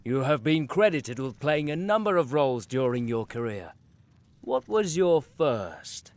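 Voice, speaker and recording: A man's voice: medium pitch, very animated, a little slow, no echo. A man voicing a polite, formal male interviewer asking careful questions.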